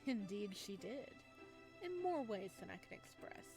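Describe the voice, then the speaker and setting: A woman reads a visual novel aloud, voicing a soft-spoken, devoted male florist in a soft, measured, tender way while game music plays behind her. Her voice is mid-range and very animated.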